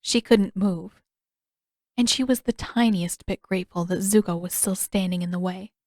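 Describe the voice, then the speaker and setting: A woman reading her own fan fiction aloud in a measured, expressive storytelling manner. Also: fairly low pitch, no echo, studio quality. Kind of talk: fan audiobook narration.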